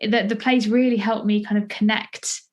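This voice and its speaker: A woman in her twenties from Essex, England, with a southern English accent, chats casually as a podcast interviewer; she is also a playwright. She feels her way through her sentences with hesitant, searching phrasing and many hedges. Her medium-pitched voice is flat in delivery at a normal speed.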